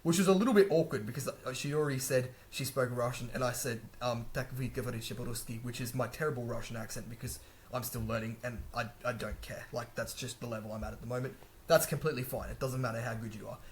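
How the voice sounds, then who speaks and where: Brief: male vlogger, mid-pitched, talks fast and loose with lots of restarts, casual advice monologue. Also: steady tone, slight background noise. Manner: rambling, chatty, frequent restarts and self-corrections. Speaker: language-learning vlogger. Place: a room indoors.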